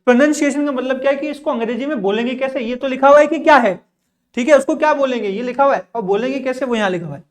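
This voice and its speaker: A man's voice: very high-pitched, very fast. Male teacher running a repetitive vocabulary drill, asking questions and answering them himself. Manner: drills and repeats with frequent "theek hai". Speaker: English teacher. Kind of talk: classroom lesson in Hindi.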